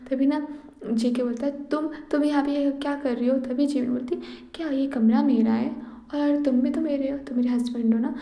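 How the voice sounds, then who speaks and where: A woman tells a romance story in a loose, chatty way, full of fillers, and slips into each character's lines as she goes. Her voice is mellow and warm, and it sits a little high for a woman. The room around her is noticeably echoey. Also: fairly even intonation, normal speed, gravelly. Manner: acts out dialogue between characters, many fillers. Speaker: fan fiction narrator. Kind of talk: casual storytelling retelling a romance.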